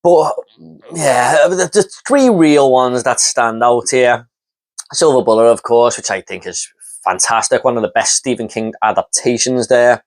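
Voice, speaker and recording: A man's voice: medium pitch, a little slow. Chatty man rambling through a horror review. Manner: enthusiastic, rambling, with many fillers like "you know" and "and everything"; stutters and repeats words when starting a thought. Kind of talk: casual spoken film review.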